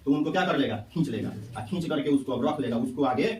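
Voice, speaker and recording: A man's voice: mid-range voice, quick pace, darkish tone. A male teacher, lecturing a class and quizzing students with repeated questions. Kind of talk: classroom lecture with call-and-response. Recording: echoey classroom, mic at a distance.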